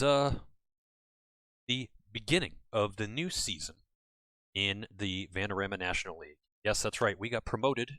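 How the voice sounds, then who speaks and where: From the United States, this gaming channel host delivers chatty, meandering let's-play commentary at home, regularly correcting himself. His voice is lowish, bright and forceful, captured in a dry recording.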